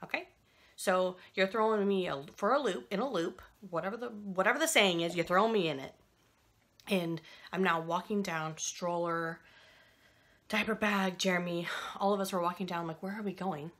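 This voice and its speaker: A young woman hosting a podcast, telling a personal story in a candid, animated way with frequent swearing and quick asides. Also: lowish voice. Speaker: podcast host.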